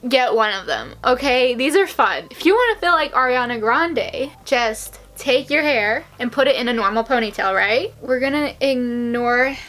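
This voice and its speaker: A woman's voice: on the high side, animated, moderate pace, hardly any pauses, fairly bright tone. A young woman chatting casually through a hair tutorial at home, rambling and joking at her own expense. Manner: chatty, self-mocking, rambling asides. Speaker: beauty vlogger.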